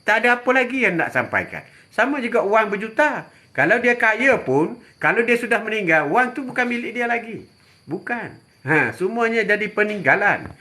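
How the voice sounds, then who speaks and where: A lively older man, a religious teacher, gives advice on a live stream and answers viewers. His voice is high-pitched at a moderate pace, and he's chatty, repeats phrases, and often says "ha".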